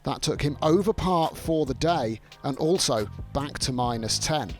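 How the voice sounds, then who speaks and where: A man with a slightly high voice delivers golf commentary and highlights narration. Music plays faintly behind him. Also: lively intonation, a little slow.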